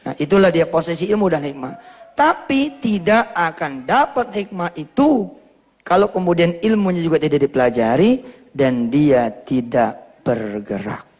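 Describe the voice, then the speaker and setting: A man from preaching a sermon in a lively storytelling way, acting out the dialogue of his story in changing voices. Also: a little high, unhurried. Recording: echoey hall with long reverb.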